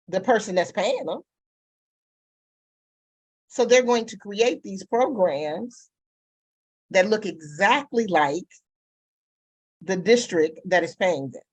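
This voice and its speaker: A woman's voice: medium pitch, breathy edge, no room sound, poor audio. A woman speaking on a discussion panel, making an impassioned argument and building her points with examples.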